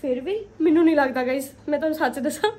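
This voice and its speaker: Her voice is high and very fast, with slight background noise, as the twenty-something vlogger chats to viewers she calls "guys." Loud music runs over the phone audio, captured at arm's length.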